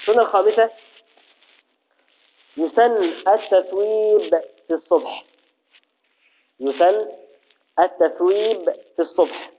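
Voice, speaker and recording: A man teaching a classroom lesson on Islamic law, repeating key phrases slowly and asking and answering his own questions. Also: high voice. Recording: tinny phone-like audio.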